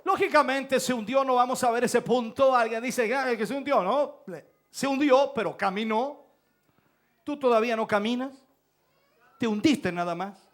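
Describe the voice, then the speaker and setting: High-voiced pastor preaching. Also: male voice, moderate pace. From Chile. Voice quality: dramatic preaching, bursts into shouts. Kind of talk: sermon. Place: church.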